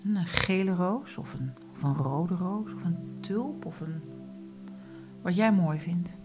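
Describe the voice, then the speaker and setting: A woman guiding a relaxation meditation, speaking softly and often in a whisper. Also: fairly low pitch, over music. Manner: slow, soft, often whispered instructions. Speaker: meditation guide.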